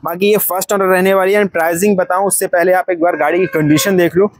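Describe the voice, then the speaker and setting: Chatty high-voiced young man touring cars. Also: fairly even intonation, fast talker, no room sound. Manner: chatty, keeps calling the viewer brother, mixes English words into Hindi. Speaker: vlogger touring a used car market. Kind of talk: casual walkaround commentary. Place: outdoor used car lot.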